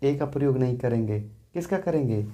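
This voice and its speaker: A woman's voice: rumbling low, expressive, fairly quick, mellow. A woman teaching English grammar in a classroom lesson, asking questions and answering them herself, often checking with "theek hai". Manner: explains patiently, asks and answers her own questions.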